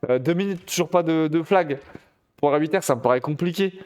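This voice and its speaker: A man casting a competitive shooter match live, chatty and excitable, talking straight to his viewers. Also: a little high, fairly quick. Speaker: esports caster. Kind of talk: live game commentary.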